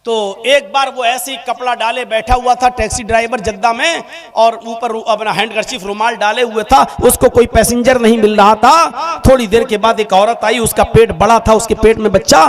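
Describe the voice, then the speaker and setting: A man preaching a sermon and telling a story in animated fashion with acted voices. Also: extremely high pitch, moderate pace.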